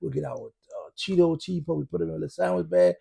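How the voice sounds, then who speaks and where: A man's voice: fairly high pitch, fast talker, warm tone. A middle-aged man talking casually as a podcast guest, using street slang and telling things with emphasis. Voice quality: gravelly, husky. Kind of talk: casual interview talk.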